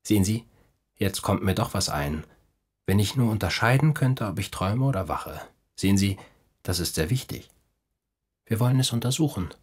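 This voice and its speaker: A man's voice: on the low side, lively intonation, a little mellow, breathy edge. Man reading as a tormented, despairing young man. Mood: feverish. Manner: slow, halting, anguished delivery.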